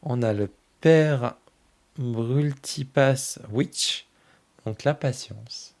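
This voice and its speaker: This tarot channel host speaks extremely slowly, his medium-pitched voice soft and fried, often trailing away. He flips casually through a new oracle deck, commenting fondly on each card.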